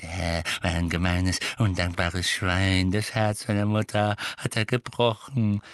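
A man voicing a bitter old male house-elf servant who mutters insults under his breath in a high, thin voice. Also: sing-song, takes it slowly, vocal fry, fairly bright tone, no echo, heavily acted. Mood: servile scorn. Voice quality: muttering, wheedling, high and far-off. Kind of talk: audiobook character voice.

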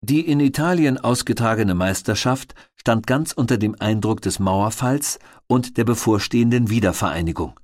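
A man's voice: on the low side, normal speed, few pauses, a little mellow, no room sound, studio quality. A man reading a scripted historical narration as a documentary narrator.

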